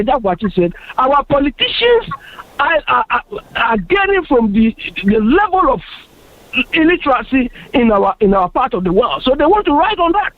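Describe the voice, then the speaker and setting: With a very high voice, a Ghanaian guest on a radio panel discussion earnestly and emphatically argues his position, often going over the same points again. The audio has a dry, tinny, phone-like radio sound with no room ambience.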